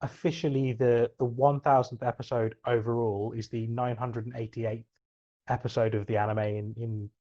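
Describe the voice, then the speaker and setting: A man co-hosting a podcast chat, hesitant and full of ums but warmly enthusiastic. His mid-pitched voice comes through a slightly dull, lo-fi microphone. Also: level tone, moderate pace. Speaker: podcast co-host.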